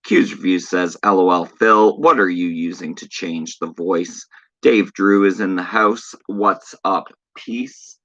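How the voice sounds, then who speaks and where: A man chats casually on a live stream, reading viewer comments one by one and greeting each person. His voice sits low and bright, and he takes his time. The audio is dull and lo-fi. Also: slow pace. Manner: laid-back, chatty, greets viewers by name. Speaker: horror channel host.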